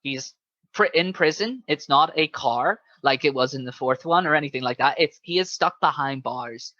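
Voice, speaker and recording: A man's voice: a little high, normal speed, sharp tone, no echo. Guy podcaster chatting about video games, acts out quotes as he goes, bit lo-fi and muffled. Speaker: podcast co-host. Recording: dull, muffled lo-fi sound.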